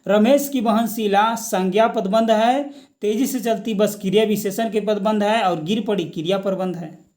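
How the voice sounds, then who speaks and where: A man with a high voice gives an exam-prep grammar lecture, voiced over slides. He explains slowly and patiently. He poses questions and answers them himself, dropping English words into his Hindi. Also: a little mellow.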